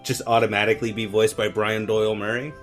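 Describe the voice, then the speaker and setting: A man co-hosting a podcast, chatting casually about a film with animated, jokey tangents. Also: fairly low pitch, quick pace, soft background music. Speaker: podcast co-host. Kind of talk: casual comedic film review chat.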